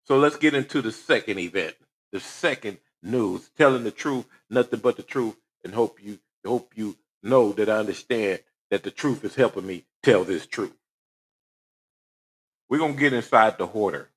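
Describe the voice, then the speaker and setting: A man's voice: on the low side, normal speed. A man hosting reaction commentary on a news clip, talking in a preachy way and firing rhetorical questions. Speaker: commentary host.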